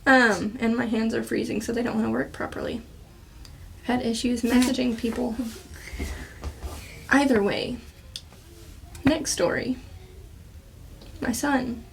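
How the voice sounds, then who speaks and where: A woman hosting a casual podcast, telling animated stories about her kids. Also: a little high, unhurried, creaky, pauses often, a little hiss or hum. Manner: animated, laughing storytelling. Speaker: podcast host, mother.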